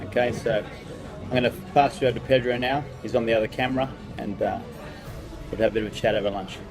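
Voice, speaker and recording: A quick-talking interviewer with a mid-range, steady voice hosts a motivational interview outside a conference venue, speaking with energy and frequently starting his phrases over. Music plays beneath him.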